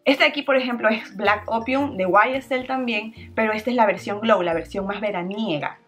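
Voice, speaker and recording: A woman's voice: medium pitch, brisk, a bit bright, faint music behind. A young adult woman talking casually and with bubbly energy as she reviews a perfume for her vlog, often leaning on words like "súper". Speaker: beauty vlogger.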